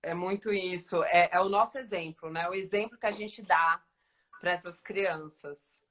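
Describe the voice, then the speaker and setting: A woman hosting a casual live chat, jumping in with quick remarks. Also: fairly low pitch. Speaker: host.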